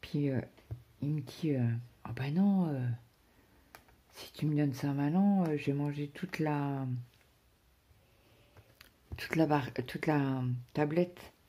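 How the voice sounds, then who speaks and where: A woman's voice: low-pitched, takes it slowly, long pauses, dark tone. A woman chatting casually to her viewers about her day, rambling, with many fillers and restarts. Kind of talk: casual personal chat to viewers.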